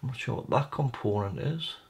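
Here the repair host's medium-pitched voice is expressive and a little creaky, and he talks slightly fast. Seated at an indoor workbench, he offers a relaxed running commentary on his work, hesitantly thinking things through out loud.

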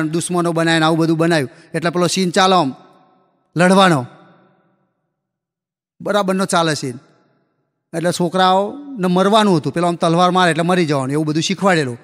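High-voiced man telling folksy stage jokes. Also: a bit bright. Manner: folksy anecdotal delivery, acts out dialogue. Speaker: stand-up comedian telling school jokes. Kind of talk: live stand-up storytelling. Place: live comedy stage before an audience. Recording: long hall reverb from a live show.

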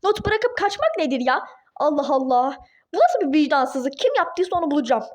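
A woman's voice: sits high, very animated, a little fast. A woman voicing a furious, indignant young wife in a toy-game role-play drama, speaking in exclaiming outbursts. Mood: outraged.

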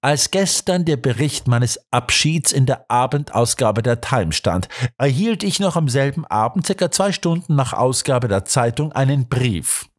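A man voicing an excitable, blustering male police inspector who grumbles and flares up quickly. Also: mid-range voice. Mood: eager. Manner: gruff, quick to anger.

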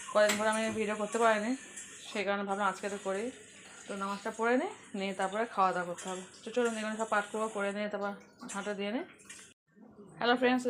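A woman's voice: mid-range voice, background noise. A woman with a Bengali accent chatting to viewers in a home vlog, recorded on a phone at home. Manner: chatty, addresses viewers directly. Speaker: vlogger. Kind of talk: casual home vlog chat.

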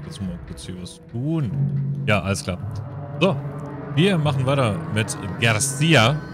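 A man's voice: mid-range voice, expressive, unhurried. A man hosting a let's play in casual, rambling commentary with English words mixed in. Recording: loud game music behind. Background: loud video game music.

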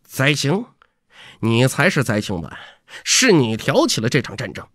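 A man's voice: mid-range voice, unhurried, no room sound. Brief: a man playing a steely young fighter in an audiobook, icy delivery, dry close sound. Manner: icy and flat. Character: cold, fearless young male fighter.

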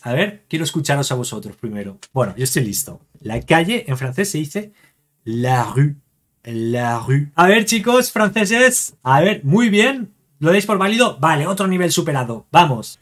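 A man's voice: a little high, fairly bright tone. Upbeat Spanish man chatting with his stream. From Spain. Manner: playful, slows down to sound out French words carefully. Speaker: language vlogger live with chat. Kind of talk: casual livestream chat. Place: home in Paris, live streaming.

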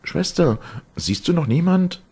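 A man reading a fairy tale aloud, raising his voice high to play a terrified young wife who pleads and begs. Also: lively intonation, measured pace, warm tone, husky, full character voice. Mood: pleading.

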